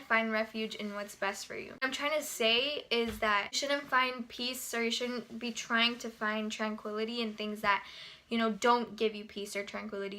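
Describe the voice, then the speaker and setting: A young woman talks straight to her camera in a relaxed vlog, earnest and full of filler words. Her voice sits a little high and rings bright and forward. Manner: earnest, chatty, heavy use of fillers like "you know" and "like". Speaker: vlogger. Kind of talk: casual talking-to-camera vlog.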